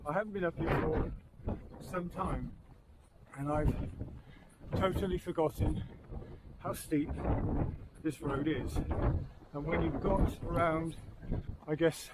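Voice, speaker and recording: Breathless hiker in his fifties, slow and slightly high-voiced, rambling chat to viewers, heavy wind roar. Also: steady tone. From England. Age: 50s. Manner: chatty, rambling asides to viewers. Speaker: wild camping vlogger. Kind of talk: casual chat to camera while hiking. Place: outdoors on a windy hillside. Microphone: clip-on wireless mic. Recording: loud wind noise outdoors.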